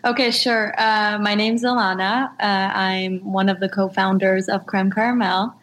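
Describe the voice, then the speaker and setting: Flat-voiced young woman guest, faint hum. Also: mid-range voice, a little slow. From Israel. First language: French. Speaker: guest, bakery co-founder. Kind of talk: remote interview answers.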